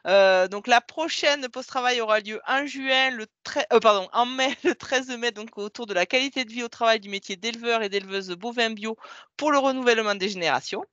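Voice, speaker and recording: A woman's voice: on the high side, brisk, fairly bright tone, dry recording. A woman hosts an online webinar and runs through upcoming dates in a friendly, organised way. Her voice comes over a slightly dull call connection. The sound is dry and close. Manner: friendly, wrapping up with announcements. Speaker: webinar moderator. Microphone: video call.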